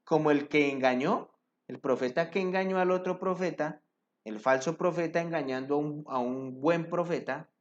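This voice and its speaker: Man, devotional preacher, fairly high voice, reads verses then explains, muffled lo-fi recording. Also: normal speed. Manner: reads verses aloud, then explains them directly to listeners. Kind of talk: scripture reading with sermon commentary. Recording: dull lo-fi recording.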